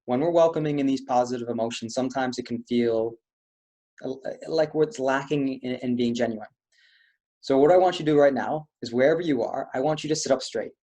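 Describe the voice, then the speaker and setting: A man's voice: mid-range voice, brisk, warm tone. Man coaching a stress-relief webinar. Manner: coaching, gives step-by-step physical instructions. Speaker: webinar presenter. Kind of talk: guided stress-relief talk. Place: online webinar.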